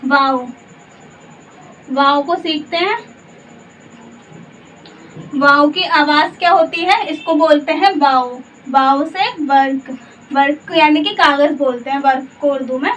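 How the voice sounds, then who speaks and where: A woman teaching a slow Urdu spelling lesson. She says each letter in turn, then reads out the whole word, and she asks the learner questions along the way. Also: high-pitched, fairly bright tone. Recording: dull, muffled audio from a distance with faint background hiss.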